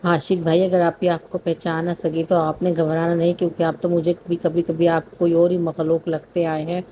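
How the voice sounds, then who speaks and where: A woman voicing a cheeky young woman who teases her brothers in a mellow, even voice. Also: fairly low pitch, a little hiss or hum, lightly acted. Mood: teasing. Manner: teasing, playful.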